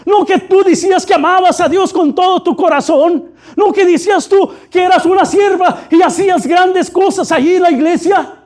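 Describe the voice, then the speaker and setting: A man's voice: very high voice, normal speed, darkish tone. A man voicing a mocking, gloating male devil who taunts a fallen believer, within a sermon.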